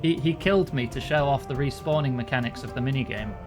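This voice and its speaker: A man's voice: medium pitch, fast, music in the background. A man doing casual, informal video game commentary, thinking aloud as he plays. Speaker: gamer narrating a playthrough.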